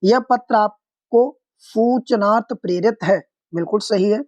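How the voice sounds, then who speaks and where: A man's voice: high-pitched, a little slow, a little mellow, dry recording, lo-fi sound. Dry, close-miked male teacher quizzing viewers. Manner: explains step by step, quizzing viewers; addresses viewers as friends. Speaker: Hindi exam-prep teacher. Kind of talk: online exam-prep lesson.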